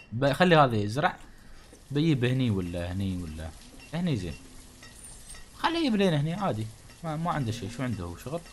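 A man's voice: on the low side, slight background noise. A man with a Gulf Arabic accent giving casual gameplay commentary, thinking aloud and grumbling jokingly at the game's townsfolk. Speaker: gaming channel host. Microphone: studio condenser mic.

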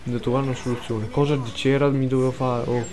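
A man's voice: medium pitch, little pitch movement, fast, music in the background. Swearing man commentating gameplay. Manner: swears a lot, frantic outbursts, mutters under breath. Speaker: gaming let's player.

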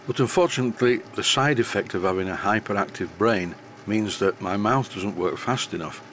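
Relaxed older man, softened northern English accent. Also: on the low side, fairly quick, slight background noise. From northern England. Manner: relaxed, slight stutter. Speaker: model engineering tutor. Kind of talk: unscripted workshop voice-over. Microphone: high-end studio microphone.

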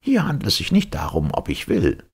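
A man with a gravelly, husky voice voicing a strict, pedantic male professor who lectures in a dry tone. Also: sits low, wildly swooping pitch, fairly quick, pitched above the performer's own voice, full character voice.

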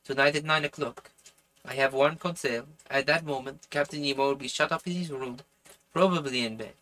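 Man performing a storybook harpooner, French accent, determined, impatient, urgent, sharp bright tone, mid pitch. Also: fairly quick, lightly acted, low-quality recording. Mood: resolute, urgent. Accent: put-on French. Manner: urgent, resolute. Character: determined, impatient Canadian harpooner plotting escape. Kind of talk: audiobook character voice.

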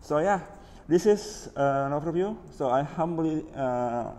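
A hobbyist maker with an Indonesian accent gives a casual, unscripted hands-on overview of his DIY electronics build, his voice fairly high, mellow and lively, at a measured pace. He sits at a wooden table indoors, only his hands on camera, in a reverberant room with background noise.

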